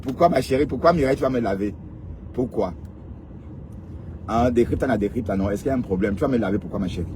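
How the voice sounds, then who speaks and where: A man's voice: medium pitch, expressive, quick pace, long pauses, noisy background. A man, commenting on online drama in a casual way, speaking straight to his viewers and often asking a rhetorical "hein?". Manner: rhetorical, peppers talk with questioning "hein?". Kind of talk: casual live commentary on social media drama.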